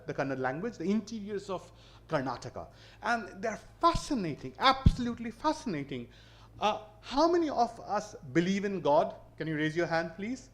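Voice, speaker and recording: A man with an Indian English accent gives a seminar lecture to college students. His voice sits high for a man. He talks in an engaging way, puts questions to the room and often restarts his phrases. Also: a bit bright. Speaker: seminar speaker.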